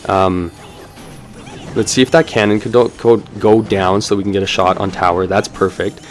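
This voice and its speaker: A man's voice: sits low, steady tone, moderate pace, soft background music. A young man giving casual running commentary over his own mobile card game match, chatty and upbeat, with frequent ums and "let's go ahead". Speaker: gaming YouTuber. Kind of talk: live gameplay commentary.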